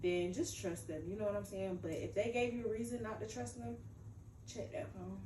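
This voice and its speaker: A woman's voice: mid-range voice, steady tone, fairly quick, mellow. A young woman in her twenties chats casually and jokes freely with her friend, laughing easily. The mic sits back from her in an echoing room with a faint hiss underneath. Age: 20s. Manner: laughs often, loose and joking. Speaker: host. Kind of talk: casual chat. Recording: roomy, distant mic with faint noise.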